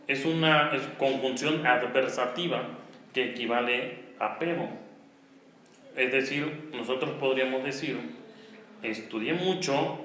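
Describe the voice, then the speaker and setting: A man's voice: medium pitch, fairly bright tone. A man with a Mexican Spanish accent teaching a grammar class, patient and explanatory, checking in with the students as he goes. His voice rings around a very echoey room. A faint hiss sits underneath.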